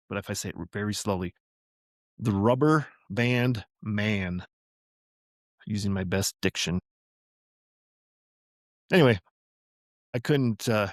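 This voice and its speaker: A man's voice: on the low side, dry recording, clean studio sound. Rambling older man reading memoir. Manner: rambling, chatty, self-correcting. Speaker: podcast host. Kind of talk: reading a family memoir aloud with asides.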